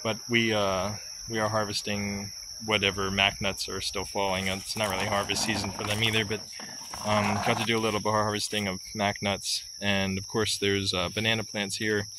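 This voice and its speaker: A young man vlogging on a phone held at arm's length outdoors on a farm, talking in a halting way with many filler words. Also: lowish voice, flat delivery. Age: young adult. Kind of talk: casual vlog. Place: outdoors on a farm, among trees and under a tin-roofed shed. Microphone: phone camera at arm's length. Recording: outdoor phone recording with loud insect noise. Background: insects and crickets outdoors.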